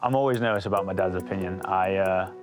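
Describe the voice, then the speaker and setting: A man's voice: sits low, fast, music in the background. A young man with a Yorkshire accent, an airline first officer chatting candidly and poking fun at himself. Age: young adult. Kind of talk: candid casual chat.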